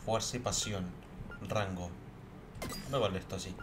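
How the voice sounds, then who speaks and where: A man's voice: deep voice, normal speed, recorded from a distance, noisy background. A man giving let's play commentary, muttering to himself while he plays. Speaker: gameplay streamer.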